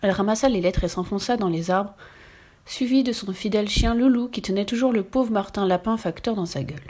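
A woman narrating a children's story in a gentle, expressive read-aloud manner. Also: medium pitch, brisk.

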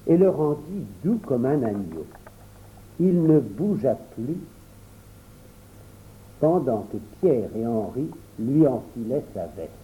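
Male audiobook narrator, unhurried, warm-dark tone, animated intonation. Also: mid-range voice, phone-quality sound, a little hiss or hum. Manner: expressive storytelling. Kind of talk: audiobook reading of a children's story.

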